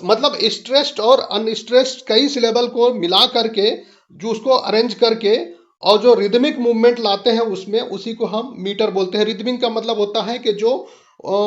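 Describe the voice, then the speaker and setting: A woman teaching English literature in a video lesson. She reads English definitions slowly and deliberately, explains them in Hindi, and stops to check that the viewer follows. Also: fairly high pitch. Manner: asks the viewer to check understanding. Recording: dull lo-fi recording.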